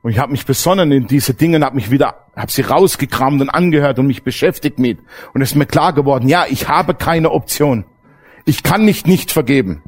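A man preaching a sermon, blunt and earthy, swinging between loud emphatic outbursts and hushed low passages. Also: brisk. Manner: blunt, earthy everyday language. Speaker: pastor.

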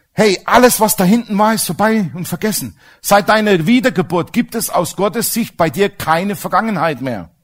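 Lively, animated German-speaking male preacher. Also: sits high. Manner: emphatic, asks the congregation for agreement. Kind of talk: sermon.

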